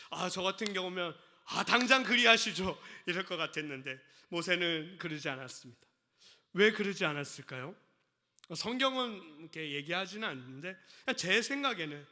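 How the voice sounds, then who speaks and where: A man's voice: high voice, pushed and bright, big-room sound. A man preaching a sermon as pastor, asking the congregation questions and acting out the lines he quotes. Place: church sanctuary.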